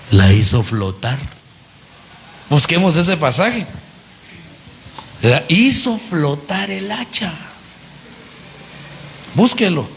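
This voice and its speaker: A man preaching a conversational sermon, animated and often putting rhetorical questions to the congregation. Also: on the high side, a little hiss or hum.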